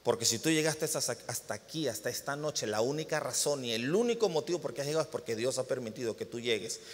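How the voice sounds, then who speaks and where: A man in his thirties preaching a sermon, telling a family story with lively, animated delivery and sudden loud bursts. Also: mid-range voice, fast talker, long reverb tail. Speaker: pastor. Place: church hall.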